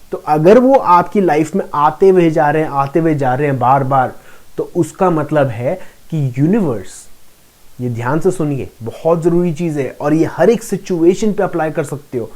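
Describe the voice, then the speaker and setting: A fairly high-pitched, warm male voice delivers a motivational self-help lesson to camera as a law of attraction coach. He explains things steadily in Hindi sprinkled with English phrases, repeating key lines for emphasis.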